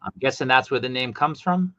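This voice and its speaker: A man hosting a casual chat, telling relaxed, rambling stories about toy shopping. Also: medium pitch, a little fast, dry recording, muffled recording. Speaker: podcast host.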